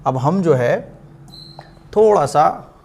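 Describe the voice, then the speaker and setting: A man teaching Quran reading in a patient lesson style, asking questions and answering them himself, and slowly drawing out the words he recites to demonstrate them. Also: fairly high pitch, animated, vocal fry, a little mellow.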